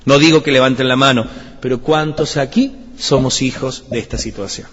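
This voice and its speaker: A man's voice: medium pitch, normal speed. A young adult man with an Argentine Spanish accent giving an emotional sermon testimony that builds to impassioned pleas. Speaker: preacher. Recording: dull sound in a reverberant hall with music. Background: music playing.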